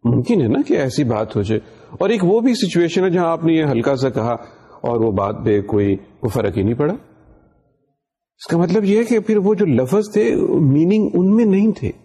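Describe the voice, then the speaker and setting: Mellow, husky male lecturer. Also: fairly high pitch, animated. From Pakistan. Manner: explains patiently, switching into English phrases. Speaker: university lecturer. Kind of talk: recorded lecture.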